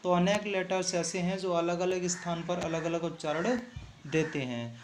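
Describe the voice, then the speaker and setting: A man's voice: high-pitched, steady tone, moderate pace, background noise. Patient man teaching, quizzing himself. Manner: asks questions and answers them himself; repeats key points patiently. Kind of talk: online phonics lesson.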